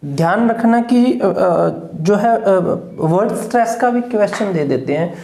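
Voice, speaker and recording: A patient phonetics teacher speaks slowly and evenly. Words are split into single sounds and repeated in drills, with frequent checks that the class is following. The voice rings around an echoey room while the teacher writes on a board. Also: medium pitch, lively intonation, dark tone. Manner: breaks words into syllables and drills them slowly, often asks "clear?". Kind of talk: classroom lesson.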